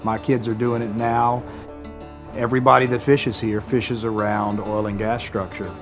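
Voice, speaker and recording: A man's voice: lowish voice, level tone, normal speed, music in the background. A man from the US Gulf Coast talking in a documentary interview.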